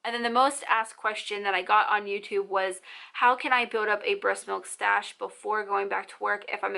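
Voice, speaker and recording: A young woman chats through viewer questions in a casual vlog. Her voice is bright and forward, and she talks quickly with a friendly, encouraging manner. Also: medium pitch, creaky. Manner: fast, chatty and encouraging. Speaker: parenting vlogger.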